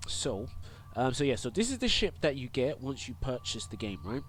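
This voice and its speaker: Congested from a cold, a young gaming streamer and YouTuber wanders through a game tutorial at normal speed, stumbling over fillers and restarts. His mid-range voice swings widely in pitch, with a faint hiss or hum in the recording.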